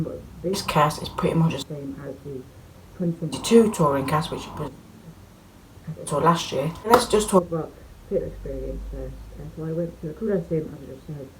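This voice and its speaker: A young woman with a notably low voice talks casually to her camera about a show she is seeing. She sounds chatty and keen, stumbling over fillers and restarts as she goes. A faint hiss sits under the recording. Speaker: theatre vlogger. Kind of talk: casual vlog chat to camera.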